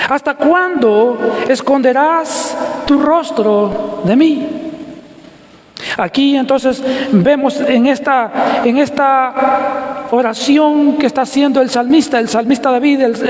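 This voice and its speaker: A man with a strikingly high voice preaching a sermon. He poses questions and answers them himself, repeating key words and addressing the congregation as brothers. His voice rings through a roomy church hall with a long, lingering reverb. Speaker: pastor. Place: church sanctuary.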